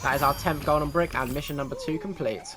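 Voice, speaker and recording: A man's voice: on the high side, fairly even intonation, fast, noisy background. A man giving casual game commentary as a channel host, chatty and prone to correcting himself.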